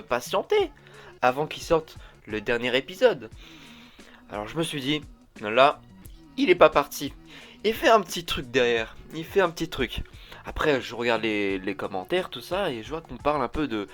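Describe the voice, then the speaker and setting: A young man talks off the cuff in a vlog, rambling from one thought to the next. He gets excitable and swears freely, and faint music runs low beneath his voice. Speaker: YouTuber. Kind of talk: unscripted casual vlog talk.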